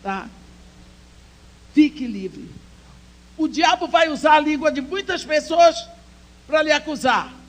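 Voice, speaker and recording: Her voice sits high and animated as she preaches to a conference of church women, English being her first language. She speaks slowly with frequent pauses, shifting from loud proclamations to soft storytelling in this passionate sermon.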